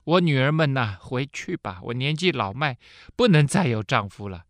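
A man voicing a grieving elderly widow who pleads slowly and sorrowfully with her daughters-in-law. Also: medium pitch, animated, fairly bright tone, dry recording, faint music behind. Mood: sorrowful pleading.

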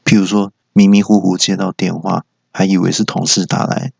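Gravelly deadpan man telling jokes. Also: sits low, moderate pace, no echo. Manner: deadpan storytelling, explains his own jokes. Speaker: stand-up comedy podcast host. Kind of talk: comedic monologue. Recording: slightly dull lo-fi recording, dry.

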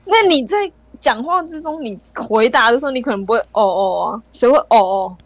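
A woman's voice: a little high, expressive, brisk, dry recording. Laid-back woman co-host, dry sound. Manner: laid-back, questioning, laughs easily. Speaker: podcast co-host. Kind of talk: casual podcast chat.

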